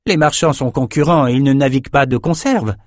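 A man's voice: medium pitch, brisk, no room sound, voice pushed up, close to an everyday voice. A man voicing a proud sorceress woman who answers with dry, cutting retorts.

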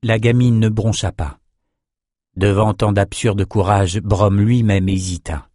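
A man reading a fantasy novel aloud as narrator, in a steady, measured way. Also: on the low side, dry recording, studio quality. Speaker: audiobook narrator.

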